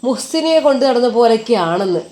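A woman's voice: a little high, expressive, darkish tone, natural voice. A woman voicing a worried young male friend who scolds and coaxes. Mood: worried coaxing. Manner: scolding, coaxing, brisk.

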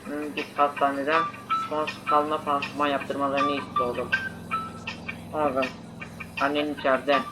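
A man's voice: fairly high pitch, completely flat delivery, normal speed, long pauses, over loud music, close to an everyday voice, rough recording. A man playing a boastful, dismissive father who lectures and soothes his son, in an amateur short film. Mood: soothing. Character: boastful middle-aged father, calm and dismissive.

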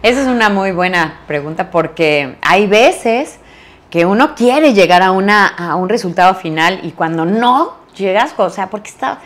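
Middle-aged actress guest, lively storyteller, acts out her quotes. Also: mid-range voice, moderate pace. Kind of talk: casual interview chat.

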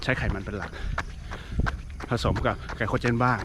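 A man's voice: fairly low pitch, moderate pace. Guy explaining stuff casually while running outside, short choppy phrases, lots of street noise behind him. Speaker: running coach-style vlogger explaining training. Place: outdoors, on the move. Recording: noisy outdoor recording with traffic and ambience.

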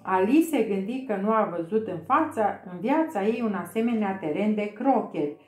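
A woman reading a children's storybook aloud at a steady, measured pace. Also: mid-range voice, roomy sound, soft background music. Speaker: audiobook reader. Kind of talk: storybook narration.

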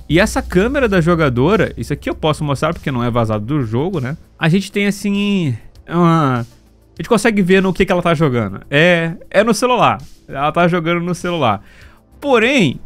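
Higher-voiced Brazilian man, casual gaming commentary. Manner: informal, slangy, often seeking agreement with tag questions. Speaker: gaming news YouTuber. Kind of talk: casual news commentary to camera. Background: background music.

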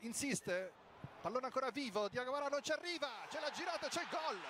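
A man giving excited, breathless live football goal commentary, often shouting and repeating key words. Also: very high-pitched, fast talker. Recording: very noisy broadcast with stadium crowd roar. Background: loud crowd and noise.

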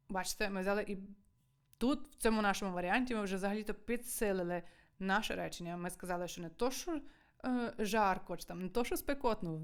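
A woman teaching a language online, talking in a chatty, easy way. She acts out little example exchanges with lively swings in her voice, at a middle pitch. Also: smooth.

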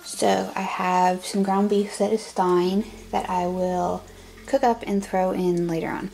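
Gravelly-voiced woman walking through a recipe. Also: mid-range voice, measured pace, poor audio. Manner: relaxed step-by-step explaining. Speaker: cooking vlogger. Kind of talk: casual cooking voice-over. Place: home kitchen.

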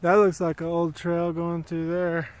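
A man's voice: on the high side, completely flat delivery, a little slow, darkish tone, clean tone. A man giving plainspoken, rambling commentary while walking a wooded dirt trail, recorded on a handheld phone. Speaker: vlogger. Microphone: handheld phone camera while walking.

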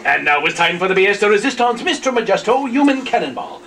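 A woman's voice: medium pitch, very animated, fast talker, background noise. A woman voicing a pompous elephant ringmaster, grandly announcing circus acts in a live puppet show. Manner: grandiose, showy.

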